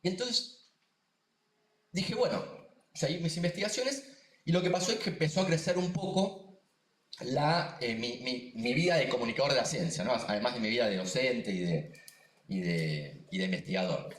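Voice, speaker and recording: A man's voice: medium pitch, echoey room. A man with a Rioplatense Spanish accent, a neuroscientist and science communicator giving an emphatic seminar talk full of asides and repetitions. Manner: emphatic, animated, quick, with many asides and repetitions. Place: lecture room.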